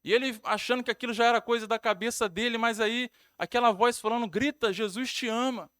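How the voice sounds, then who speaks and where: Man, Brazilian Portuguese accent, pastor, sermon, high voice, dry close sound. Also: steady tone, fast talker, a bit bright, smooth, dry recording. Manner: storytelling preacher, repetitive phrasing, frequent tag questions.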